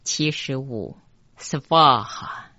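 Very slow, deliberate teacher. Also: medium pitch, bright, forceful tone, no room sound. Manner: slow, deliberate, repeats each line syllable by syllable. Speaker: mantra chanting teacher. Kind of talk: pronunciation lesson. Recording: dull, dry lo-fi recording.

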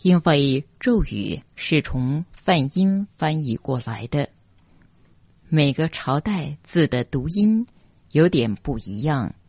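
Taiwanese mandarin teacher going syllable by syllable, super slow, dull dry lo-fi audio. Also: medium pitch, a little mellow, breathy edge, no room sound. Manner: deliberate, spells out and repeats each syllable. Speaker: teacher of mantra pronunciation. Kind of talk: slow step-by-step pronunciation lesson.

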